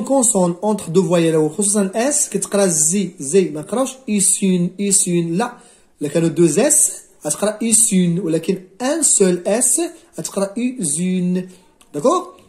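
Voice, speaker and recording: A woman teacher with a Moroccan accent, giving a slow phonics lesson to young pupils. She repeats each word and syllable and switches between French and Moroccan Arabic to explain. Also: on the low side, dark tone. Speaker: primary school teacher.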